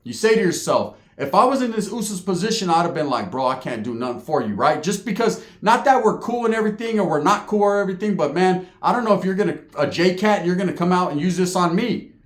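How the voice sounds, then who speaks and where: Guy from california telling prison stories, lots of slang and cussing, kinda high voice. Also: expressive, fast, few pauses, roomy sound. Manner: streetwise, profane, with prison slang and asides. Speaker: former prisoner telling his story. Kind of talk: casual storytelling.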